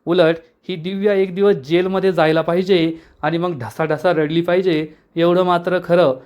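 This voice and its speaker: A man narrating a TV serial episode recap in a lively storytelling manner. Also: high voice, moderate pace.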